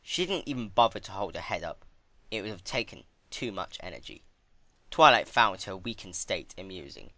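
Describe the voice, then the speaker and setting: A man reads a dark piece of fan fiction aloud as a dramatic reading. His fairly low voice has a forceful, bright edge and lively swings in pitch, delivered at a moderate pace with no echo.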